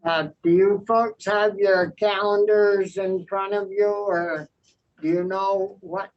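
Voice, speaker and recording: A committee chair running a meeting over a video call, halting and full of fillers. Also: medium pitch, fairly even intonation. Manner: hesitant, halting, many fillers. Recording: dull lo-fi audio.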